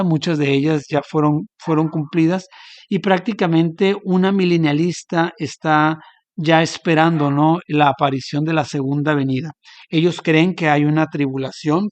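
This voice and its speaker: A man's voice: on the high side, dry recording. Earnest northern Mexican man explaining. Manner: earnest, explanatory, searching for words. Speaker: podcast guest. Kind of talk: casual theological discussion.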